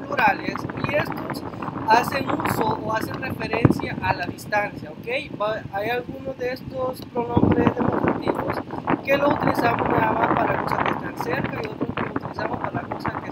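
High-voiced bilingual teacher over loud noise. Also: male voice, normal speed. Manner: explains in English then repeats in Spanish, frequent "ok?" checks, some restarts. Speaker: English teacher. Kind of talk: bilingual classroom lesson.

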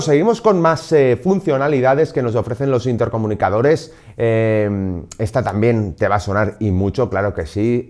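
Seated behind a desk in an indoor studio, a motorcycle gear shop's presenter reads a scripted product explainer to camera at a medium pitch. His delivery is energetic and emphatic, full of "pues" and "eh" fillers.

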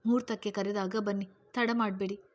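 Older woman, brisk, commanding, storybook reading, flat delivery, read by a woman. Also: medium pitch, close to an everyday voice. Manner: brisk, instructive.

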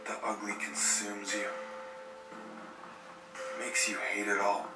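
An actor voicing a guarded, troubled young man in a film trailer, speaking in a smooth, calm and collected way. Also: fairly low pitch. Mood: brooding. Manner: calm, collected, measured delivery. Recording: roomy distant trailer audio over loud music.

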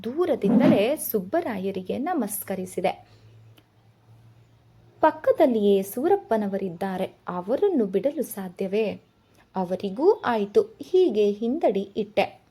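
A woman reading a novel aloud in first person, in a slow, measured, reflective way. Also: mid-range voice, big pitch swings, dark tone, husky.

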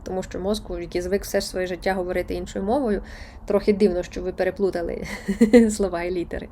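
A woman's voice: fairly low pitch, fairly even intonation, fast, warm tone, a little hiss or hum. A woman teaching a beginners' Spanish lesson online, chatty and encouraging, laughing now and then.

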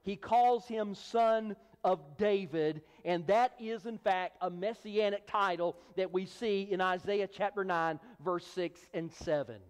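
A man's voice: high voice, unhurried, few pauses, clean tone, in a large hall. A man preaching a sermon as pastor, emphatic, acting out voices of a crowd. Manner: emphatic preaching, acts out the crowd's hushing in a raised voice. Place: church sanctuary.

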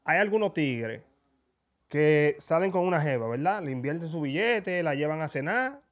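A man's voice: fairly high pitch, expressive, normal speed. A man hosting a casual chat, telling stories and asking teasing questions. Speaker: host.

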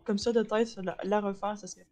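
A woman's voice: medium pitch, steady tone, brisk, darkish tone. A young woman chatting casually on a stream, hesitant and full of fillers, often trailing off. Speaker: companion on the stream. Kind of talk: casual chat.

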